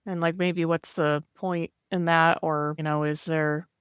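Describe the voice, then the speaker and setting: Podcast lady, lowish smooth voice, chatty and thoughtful, dry close mic. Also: flat delivery, a little slow, no room sound. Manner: thoughtful, recounts film plot at length. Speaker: podcast co-host, psychotherapist. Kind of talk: casual podcast chat.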